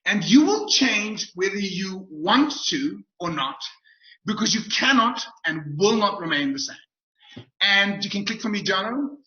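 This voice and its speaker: Bright-voiced man giving a webinar. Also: sits high, sing-song, a little slow. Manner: upbeat, emphatic, repeats key phrases. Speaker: motivational speaker. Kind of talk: webinar presentation. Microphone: video call. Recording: roomy, dull video call audio.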